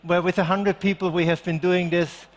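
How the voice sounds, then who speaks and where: A middle-aged man speaks at a festival in a high, earnest voice, pressing his point with urgency and restarting his sentences along the way. The sound rings with a long reverb from a large hall. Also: level tone, normal speed. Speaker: conference speaker. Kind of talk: conference talk.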